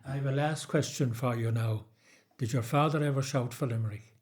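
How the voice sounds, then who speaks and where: A man's voice: mid-range voice, brisk, darkish tone. A man with an Irish accent, casually interviewing someone for an oral history with short, informal questions.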